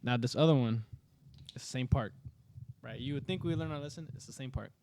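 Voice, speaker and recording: A man's voice: medium pitch, a little fast, crowd noise. A young man casually telling a spooky story to friends on a podcast, rambling with many fillers and restarts.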